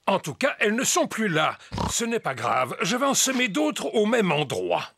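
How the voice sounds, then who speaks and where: An actor playing a kindly, excitable old grandfather pig in a children's cartoon dub. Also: high voice, moderate pace, creaky, slightly rough, no echo, heavily acted. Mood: genial, explaining.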